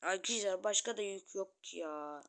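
A woman giving excited live gameplay commentary as a channel host, talking to her viewers and yelling taunts at opponents. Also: medium pitch, moderate pace.

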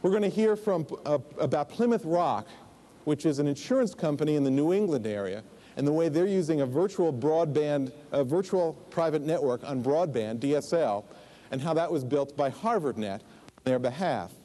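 A man in his forties delivers a conference keynote on a large stage, explaining things conversationally with asides and fillers, picked up on a lapel mic. His voice is on the high side and warm, with lively intonation at a moderate pace.

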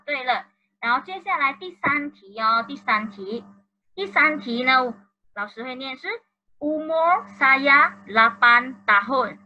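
Malaysian chinese teacher lady, bright high voice, cheering kids on, kinda dull lo-fi call audio. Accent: Malaysian Mandarin. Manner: encouraging, coaxing; mixes Mandarin with Malay and English words. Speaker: primary school teacher. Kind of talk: online class quiz. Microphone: video call.

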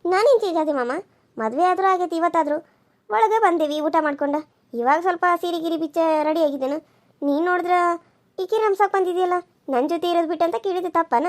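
[name], a woman doing a shrill, taunting young second wife. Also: fast talker. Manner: taunting, bossy. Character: sharp-tongued scheming young second wife.

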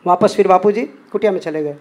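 A man with a noticeably high voice recounts a personal devotional experience. He tells it earnestly and slips into the voices of the people he quotes. The delivery is plain spoken testimony, not a reading. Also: a little fast, a little mellow, highs cut off. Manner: earnest retelling that acts out quoted dialogue.

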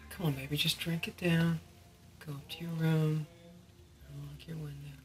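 An actor playing a pushy, smooth-talking young boyfriend in a horror-comedy film, coaxing and slangy. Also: male voice, a little high, level tone, moderate pace, a bit bright, faint music behind, natural voice. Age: young adult. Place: inside a parked car.

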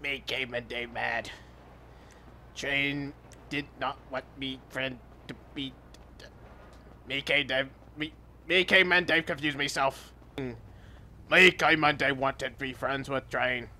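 A man voicing a dim-witted, excitable caveman who talks about himself in the third person while commenting on gameplay. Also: mid-range voice, measured pace, long pauses, a little hiss or hum. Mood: goofy. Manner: broken caveman grammar, third person, sudden yelps. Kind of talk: playful game commentary in character.

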